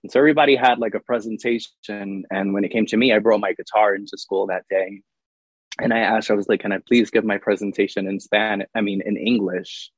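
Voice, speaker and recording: Young male singer-songwriter, low voice, dry close sound, candid interview guest. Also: steady tone, brisk, slightly rough, no echo, low-quality recording. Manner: earnest, open, with many ums and you-knows. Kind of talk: reflective interview answers.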